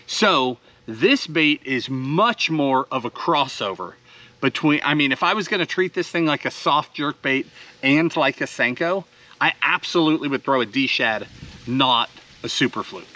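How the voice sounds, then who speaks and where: His medium-pitched voice sounds pushed, bright and animated, moving at a moderate pace. The speaker, a keen fishing host in his thirties, sits in a boat on a lake outdoors and explains his gear step by step to camera.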